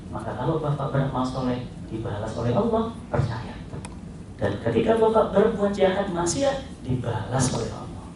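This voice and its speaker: Male preacher, animated sermon delivery, wide swings in pitch, noisy echoing room. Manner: animated, asks the crowd questions and imitates car horns. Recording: echoey hall, distant mic, noisy.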